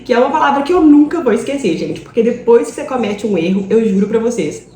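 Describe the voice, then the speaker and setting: A woman's voice: a little high, expressive, fast, dark tone, echoey room. A woman in her thirties with a Brazilian Portuguese accent, an English teacher giving a live online class in a chatty storytelling way, often asking "right?". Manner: chatty storytelling, frequent tag questions.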